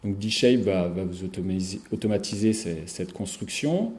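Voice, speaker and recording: A man lecturing over slides in a low, mellow voice. He pauses often, fills gaps with hesitations and restarts his phrases, checking in with his listeners as he goes. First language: French. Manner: hesitant, many fillers and restarts.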